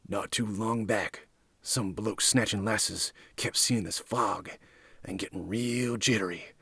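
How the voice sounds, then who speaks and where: A wary thug, as a male reader puts him on, spinning a grim rumor in a hushed, foreboding tone. The voice stays low and soft, dry and close to the mic. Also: slow pace, vocal fry, slightly rough, dry recording, heavily acted.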